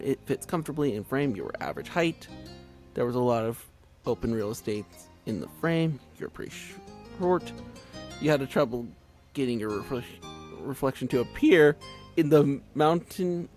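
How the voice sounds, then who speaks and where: A man's voice: mid-range voice, normal speed, a little mellow, faint music behind. A man streaming a story game, reading it aloud with giggly, chatty asides.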